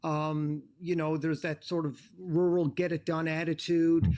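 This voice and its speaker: Man guest, higher voice, chatty and joking. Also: little pitch movement, a little mellow. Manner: chatty, halting with restarts, joking. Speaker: TV show host, interview guest. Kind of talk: conversational interview.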